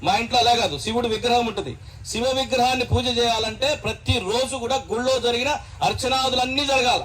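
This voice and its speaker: A man preaching a gospel sermon at a funeral in church, asking rhetorical questions and rising to shouts. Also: very high-pitched, fairly quick, slight background noise, rough recording.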